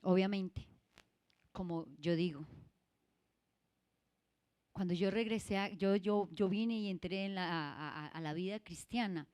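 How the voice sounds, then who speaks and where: Slow-preaching woman church leader. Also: on the low side, a little mellow, clear, resonant tone. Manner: emphatic, calls out questions to the congregation. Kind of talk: sermon.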